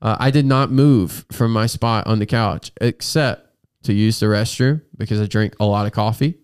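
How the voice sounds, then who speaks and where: A congested American man with a froggy, fairly low voice hosts a casual podcast. He talks emphatically and jokes at his own expense. The sound is dry and close, and his tone stays smooth under the stuffiness. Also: moderate pace, darkish tone, no room sound. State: congested with a sinus infection. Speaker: podcast host. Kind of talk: casual, joking chat.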